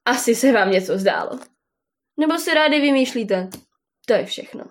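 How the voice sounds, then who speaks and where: A loud, mocking male bear who laughs at everyone's tales, put on by a woman reading a storybook. He sneers and talks down with smug certainty, in a fairly high voice. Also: lively intonation, natural voice. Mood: condescending. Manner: booming laughter, scoffing. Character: boisterous scornful male bear, mocking know-it-all.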